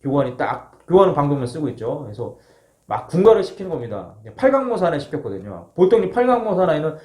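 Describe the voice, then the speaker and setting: A man's voice: a little high, quick pace. A man casually telling a first-person story as a former marine, acting out moments with polite formal sentence endings. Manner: animated, acts out shouts, polite formal endings. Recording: roomy, echoing sound.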